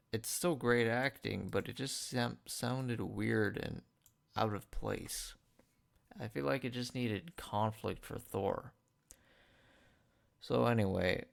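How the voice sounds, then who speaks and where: Speaking with a retainer in, a young radio host rambles through a casual film review in the studio, padding with "like" and tripping over words. He has a fairly low pitch with vocal fry.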